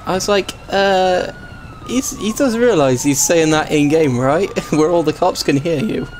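Laughy gamer guy chatting on stream, voice jumps around a lot, loud game noise. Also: fairly high pitch, moderate pace. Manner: laughs often, excitable. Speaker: streamer playing a roleplay server. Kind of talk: casual gaming chat.

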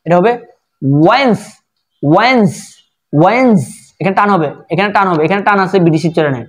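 A woman teaching English pronunciation in an online lesson, explaining step by step and repeating each word slowly for practice. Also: lowish voice, muffled recording.

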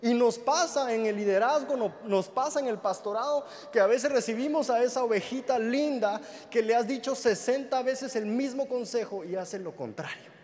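High-voiced young preacher in a hall. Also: male voice, moderate pace, few pauses, a little mellow. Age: young adult. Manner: storytelling with humor, acting out dialogue. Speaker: pastor. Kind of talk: sermon. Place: large church hall. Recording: reverberant hall with faint noise.

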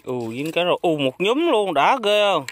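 Filming shrimp and snail catching by a muddy pond outdoors, a man with a southern Vietnamese accent chats casually behind his handheld phone, often repeating short phrases. His fairly high voice is brisk with lively intonation, and there's a little hiss or hum.

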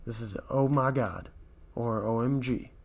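A man playing along with a fan quiz video, thinking out loud and poking fun at himself. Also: mid-range voice, measured pace, over music. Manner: self-mocking, thinks out loud. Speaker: YouTuber reacting to a quiz. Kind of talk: casual quiz reaction commentary.

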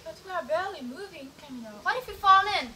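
A woman playing an anxious, dramatic teenage girl on a raft, talking fast and high-strung. She performs on an outdoor garden stage. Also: crowd noise, lightly acted. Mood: panicky. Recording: distant stage mic with background noise.

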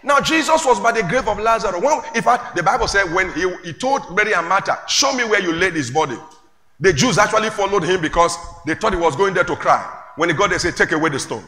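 Preacher man, bright voice, echoey hall. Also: high-pitched, animated, fast talker. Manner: call-and-response preaching, rising to shouts. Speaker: pastor. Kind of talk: sermon. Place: church hall with congregation. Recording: echoey church hall, faint room noise.

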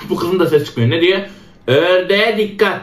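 Man, game host, high-pitched, excitable, laughs a lot, slightly sick and rough-voiced, echoey room. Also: normal speed, faint music behind. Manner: excitable, exclaiming, laughs often, talks to viewers. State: slightly ill, voice a bit rough. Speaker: gaming channel host.

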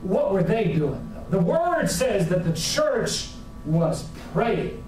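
A man in his forties preaching a sermon to a congregation, with folksy, humorous and animated storytelling. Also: high-pitched, slow pace. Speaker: pastor. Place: church sanctuary with a congregation. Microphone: far camera at the back of the room. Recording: very echoey church hall from far off.

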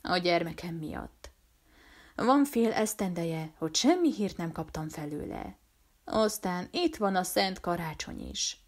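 A wounded outlaw on the run, given voice by a woman reading aloud, talking low and weary as if his strength is fading. His words come quiet and resigned, with a lower pitch than usual for a woman. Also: animated. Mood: tender longing. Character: dying fugitive murderer man, feverish and tender. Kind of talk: audiobook character voice.

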